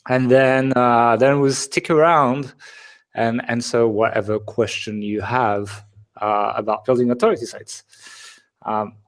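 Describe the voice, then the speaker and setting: A man with a French accent hosts a live online webinar in a relaxed, conversational way. He jokes with his co-hosts and fills his sentences with plenty of "uh"s and "like"s. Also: medium pitch, unhurried. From France. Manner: chatty, joking, many fillers. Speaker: webinar host. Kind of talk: casual live webinar chat.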